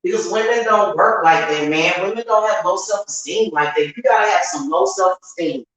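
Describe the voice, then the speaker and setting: In this unscripted vlog, an American woman who does spiritual readings and calls herself a witch talks straight to her viewers. She's colloquial, candid and emphatic, and she repeats herself for emphasis. Her voice is on the low side, fairly bright, at a normal speed, with heavy reverb from the room.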